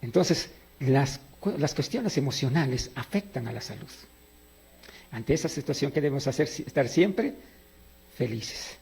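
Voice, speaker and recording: Man, preacher, lively pitch, husky gravelly voice. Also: a little slow. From Peru. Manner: animated, asks the audience questions and answers them. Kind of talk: sermon with personal anecdotes.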